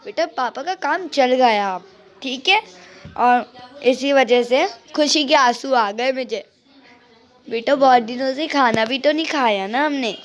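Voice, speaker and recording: A woman's voice: high-pitched, unhurried. A woman host doing game role-play as a poor, devoted mother who talks in a firm, comforting way. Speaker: gaming channel host voicing a family.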